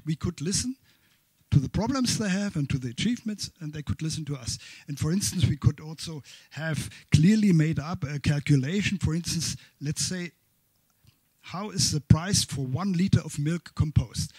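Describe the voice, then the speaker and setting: Older guy rambling a bit at a panel, husky slightly high voice, lots of ums, dry sound. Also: a little mellow, no room sound. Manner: halting, with many restarts and fillers. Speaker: consumer association member speaking from the floor. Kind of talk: spontaneous panel remarks. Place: indoor conference hall.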